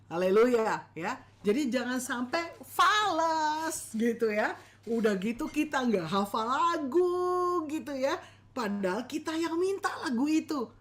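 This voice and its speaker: A woman teaching a church lesson on preaching. She talks in a lively, animated way and keeps calling on her audience to respond. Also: high voice, measured pace.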